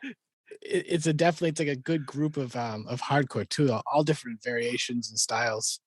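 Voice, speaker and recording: A man co-hosting a podcast, chatting casually with halting restarts and fillers. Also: mid-range voice, slightly rough, no echo, clean studio sound. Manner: halting, fills with um, lively. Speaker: podcast co-host.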